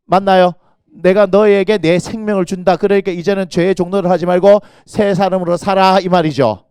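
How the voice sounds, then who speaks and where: A middle-aged senior pastor preaches at a rapid clip in a high, bright register. He tells stories with animated flair, slipping into quoted voices and sudden shouts. His voice comes through a close church microphone with a dry sound. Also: clean tone, no room sound. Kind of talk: lively sermon. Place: church sanctuary.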